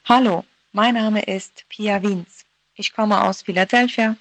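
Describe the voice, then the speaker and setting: A woman in her thirties from Paraguay giving a short devotional radio talk in a calm, earnest, reflective manner. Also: medium pitch, unhurried, no echo, rough recording. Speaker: radio devotional contributor, mother.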